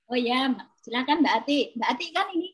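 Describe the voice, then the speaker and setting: A woman with a high voice leads a church women's gathering. She speaks in short, welcoming turns and invites others to share. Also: expressive, quick pace, low-quality recording. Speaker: meeting leader. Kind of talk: hymn singing and meeting moderation.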